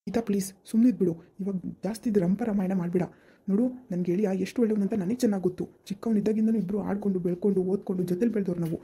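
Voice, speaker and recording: A woman's voice: mid-range voice, steady tone, dark tone, slightly rough. A woman playing a stern scolding husband. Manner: scolding, pleading, fast and insistent. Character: grown man, loyal friend, stern husband. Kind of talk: amateur village drama acting.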